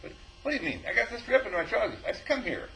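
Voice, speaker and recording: Speaking fast in a high-pitched voice, a man teaches an informal spiritual talk, lively in his storytelling as he acts out the dialogue of both parties and chuckles often. The poor audio has a little hiss or hum.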